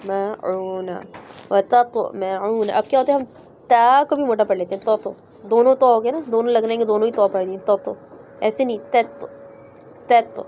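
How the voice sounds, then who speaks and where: A woman teaching Quran recitation in a class, patiently explaining letters step by step and sounding them out slowly. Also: on the high side, mellow, a little hiss or hum. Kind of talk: online class explaining pronunciation.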